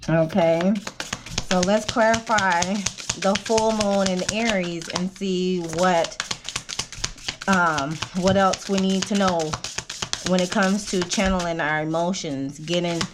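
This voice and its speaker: Speaking slowly and steadily in a lowish voice, a woman gives a rambling, informal tarot reading full of fillers and restarts, with background noise present. She coaches her listener, repeatedly checking in with "okay?", and coughs occasionally as she gets over an illness.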